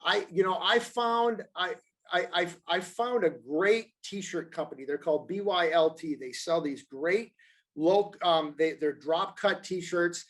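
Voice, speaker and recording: A man's voice: sits high, unhurried, a bit bright. A man who works as a mortgage advisor, chatting on a podcast in an emphatic style and repeating himself for stress. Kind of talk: casual podcast chat.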